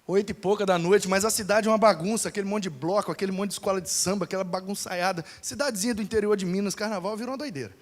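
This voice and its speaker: Pastor de voz aguda contando história. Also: male voice, sits high. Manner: animated, acts out voices in his story. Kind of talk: sermon storytelling. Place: church hall. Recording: long hall reverb.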